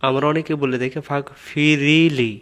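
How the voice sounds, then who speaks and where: A man teaching the correct pronunciation of a prayer, reciting words slowly and breaking them into syllables. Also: medium pitch. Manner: slow, drawn-out recitation of Arabic words, repeated syllable by syllable; patient, instructive explanation. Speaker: religious teacher.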